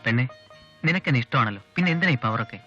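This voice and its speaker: A bold young village lover who talks very fast, with a bright, forward voice. He presses and coaxes without letting up. The sound is a dull old film track with music under it. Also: medium pitch, animated. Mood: coaxing. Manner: coaxing, insistent. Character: bold young man wooing a girl. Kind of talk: Malayalam film dialogue.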